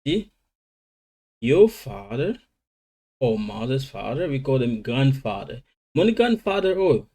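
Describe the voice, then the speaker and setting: Man, Lingala speaker, beginner English lesson, slow word drilling, mellow tone. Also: mid-range voice, big pitch swings. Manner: switches between languages, slow drilling of English words. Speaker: language teacher. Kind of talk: informal vocabulary lesson.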